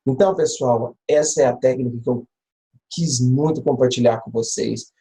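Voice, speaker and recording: Mellow-voiced Brazilian man teaching. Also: mid-range voice, moderate pace, poor audio. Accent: Brazilian Portuguese. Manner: patient, repeats key points. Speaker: language teacher. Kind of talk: explanatory online lesson.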